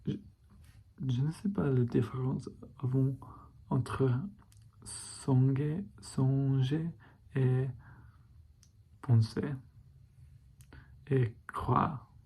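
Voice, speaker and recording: A man with an English accent speaking halting French as a learner in a casual video diary, often stopping to search for words. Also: mid-range voice, fairly even intonation, creaky, mellow, slightly rough.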